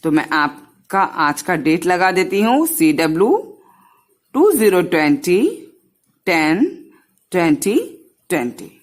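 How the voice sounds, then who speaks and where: A woman's voice: lowish voice, animated, slow, pauses often. A woman teaching young children a Hindi lesson, sounding out each syllable patiently and mixing in English words.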